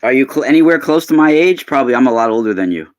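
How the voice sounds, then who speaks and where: A man in his forties with a youthful-sounding, medium-pitched voice hosts a live unboxing, talking at a racing pace. He chats casually, greets viewers by name, and breaks into bursts of excitement, all in clean studio sound with no room echo.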